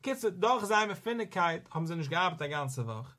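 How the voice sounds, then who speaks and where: A man's voice: fairly high pitch, animated, normal speed, bright, forceful tone. A man giving a Torah lesson in a sing-song study cadence, quoting verses as he goes. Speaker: religious teacher.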